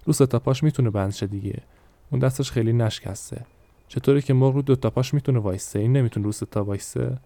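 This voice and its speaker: A man's voice: mid-range voice, creaky, mellow, no room sound, close to an everyday voice. A man voicing a blunt male street sweeper in a spoken story, giving practical orders. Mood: instructing.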